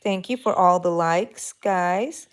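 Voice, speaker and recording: A Texas woman hosts a casual live crochet stream from her bedroom, chatting, thinking aloud as she works, and talking to her yarn. Her voice is lowish, clear, and resonant, and she speaks slowly.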